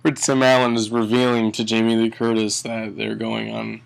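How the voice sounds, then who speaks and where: A man giving a casual comedic movie review in a tipsy, halting ramble, swearing and often chuckling mid-sentence. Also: fairly low pitch, monotone, vocal fry, clean tone, rough recording. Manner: tipsy, drunken rambling delivery. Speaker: film reviewer.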